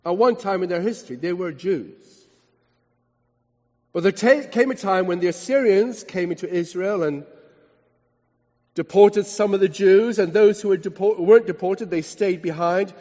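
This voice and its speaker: A high-voiced man delivers a sermon as dramatic storytelling. He swings between emphatic lines and hushed asides, with a long reverb trailing through a large hall. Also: moderate pace. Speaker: preacher.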